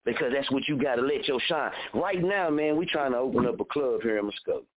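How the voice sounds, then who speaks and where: A man's voice: medium pitch, lively intonation, brisk. A man in his thirties hosting a radio show, giving a blunt, fired-up motivational talk full of repetition and cursing. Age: 30s. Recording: phone-like narrow audio.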